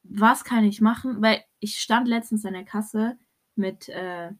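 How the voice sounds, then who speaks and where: A young woman in casual chat, talking in a slangy, animated way. She throws English swear words into her German and acts out both sides of the stories she tells. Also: mid-range voice, unhurried.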